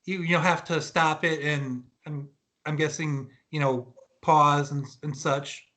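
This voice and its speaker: Guy interviewing someone, high voice, talks slow and agreeable. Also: flat delivery, sharp tone. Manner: friendly, agreeable, asks questions. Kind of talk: casual interview questions.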